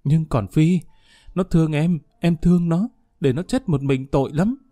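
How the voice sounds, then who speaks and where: A man voicing a jealous, violent young thug in a spoken story, harsh and shouting. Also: a little high, moderate pace, no room sound, studio quality, pitched above the performer's own voice, lightly acted. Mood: tense.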